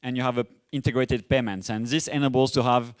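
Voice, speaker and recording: A young man from France with a strong French accent, giving a casual, fast-paced conference masterclass. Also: medium pitch, steady tone, clear, resonant tone. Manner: fast, casual, self-deprecating, with filler restarts. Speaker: conference speaker. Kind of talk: masterclass presentation.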